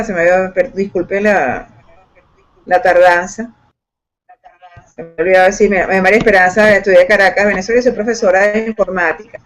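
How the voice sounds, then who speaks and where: A woman teacher speaking in an online class, hesitant with many fillers and restarts, over a video call microphone. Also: mid-range voice. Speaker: computer science teacher. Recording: dull lo-fi call audio.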